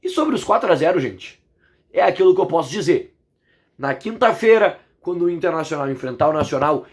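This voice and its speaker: A man with a Brazilian accent and a fairly high, hoarse voice breaks down a football match in a casual vlog. He speaks in an emphatic, indignant way, pressing his points hard. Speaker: football commentator.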